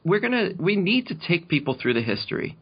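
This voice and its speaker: Brief: male podcast co-host, husky and gravelly, deadpan, halting delivery, dull lo-fi recording. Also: sits high. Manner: deadpan, halting with fillers, slow absurd asides. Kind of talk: comedic podcast banter.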